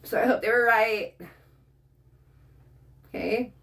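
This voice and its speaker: A woman's voice: fairly high pitch, fairly even intonation, slow, gravelly, fairly bright tone. A woman giving a casual tarot reading straight to the viewer, blunt and profane, often checking in with "okay?". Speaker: tarot reader. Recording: voice a bit far from the mic.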